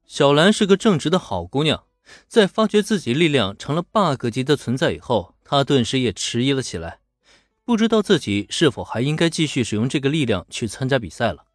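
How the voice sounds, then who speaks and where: A fairly quick, mid-range male narrator recounts an episode of a serial story with animated, chatty energy and colloquial side comments. The studio-quality recording has no room sound, with faint background music.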